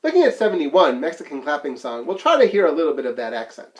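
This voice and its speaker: A man's voice: a little high, wildly swooping pitch, fast. A man teaching a flute lesson, counting beats aloud and explaining each musical term plainly. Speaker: band teacher.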